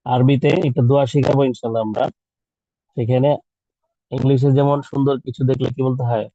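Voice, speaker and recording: A man's voice: mid-range voice, little pitch movement, brisk, mellow, dry recording, lo-fi sound. Patient man teaching letter sounds. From Bangladesh. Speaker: Quran teacher for children. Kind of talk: online class lesson.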